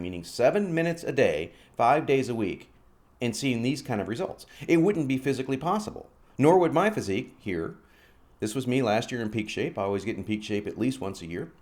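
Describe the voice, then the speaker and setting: A man in his forties talking straight to camera about his workout program. His voice is mid-pitched and very lively, jumping high when he acts out questions and dropping low for asides. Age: 40s. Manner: animated storyteller, acts out both sides of dialogue. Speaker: fitness vlogger. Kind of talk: casual promotional vlog.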